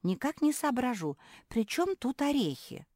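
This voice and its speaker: A woman doing a high, eager young pug girl. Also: very animated, darkish tone, no echo, clean studio sound, exaggerated voice. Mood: puzzled. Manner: eager, blurts things out quickly. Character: young female pug, naive and chatty. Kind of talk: storybook character voice.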